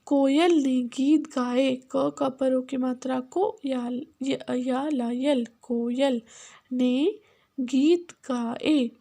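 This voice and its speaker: A woman teacher giving a children's phonics lesson, sounding out syllables slowly and repeating each word, switching between Hindi and simple English. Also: high-pitched, steady tone, creaky, warm tone.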